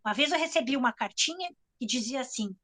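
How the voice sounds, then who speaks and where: Brazilian woman author, anecdotal storyteller, high and bright, conversational with frequent tag questions. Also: lively intonation, fast. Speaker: writer. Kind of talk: storytelling talk to an audience.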